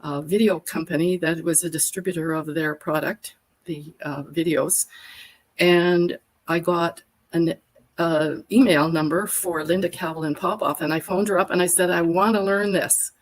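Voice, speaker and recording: Older woman, slightly low voice, long chatty answers, video call guest. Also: fairly even intonation, moderate pace, low-quality recording. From Alberta, Canada. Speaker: guest, workshop facilitator. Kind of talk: casual conversation on a live stream.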